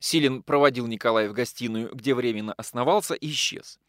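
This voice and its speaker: A man with a mid-range voice reads an audiobook in a measured, expressive manner. The recording is dry, with clean studio sound.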